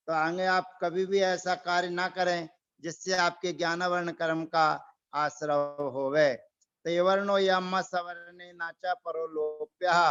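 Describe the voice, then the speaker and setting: A man teaching a Sanskrit grammar class online, reciting rules slowly and repeating them for the students. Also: high-pitched, a bit bright, clean tone, lo-fi sound. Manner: slow, repeats rules and drills pronunciation.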